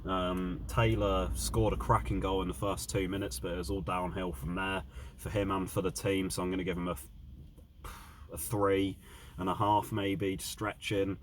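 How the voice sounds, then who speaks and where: A man's voice: low voice, level tone, moderate pace, slight background noise. A young man giving an exasperated, blunt and emphatic fan's review of a football match, rating players for his viewers.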